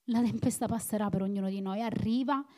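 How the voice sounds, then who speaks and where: A woman's voice: mid-range voice, quick pace, warm tone. A woman preaching a sermon in an earnest, exhorting manner, repeating phrases for emphasis.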